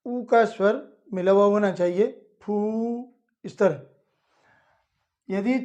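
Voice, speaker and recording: A man teaching children to read Hindi, spelling out each syllable slowly and repeating it, with a Hindi accent. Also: high voice, darkish tone. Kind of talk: slow instructional lesson. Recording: dull lo-fi audio.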